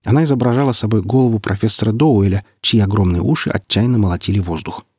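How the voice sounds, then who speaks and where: A man reads a humorous story with a deadpan, mock-serious delivery. His voice is low with a husky grain. The sound is dry and close. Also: quick pace, dry recording. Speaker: audiobook narrator. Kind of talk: humorous audiobook narration.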